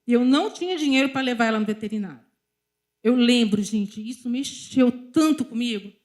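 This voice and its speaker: A woman's voice: on the high side, animated, fairly quick, darkish tone. A middle-aged woman with a Brazilian Portuguese accent, speaking at a church and preaching through personal stories while talking directly to the congregation. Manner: storytelling, often addressing the congregation directly. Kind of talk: sermon with personal testimony.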